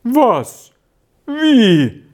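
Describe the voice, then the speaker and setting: A woman's voice: medium pitch, huge pitch swings, a little mellow, husky, full character voice. A woman doing a solemn, astonished innkeeper. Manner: solemn, drawn-out. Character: astonished, ceremonious male innkeeper.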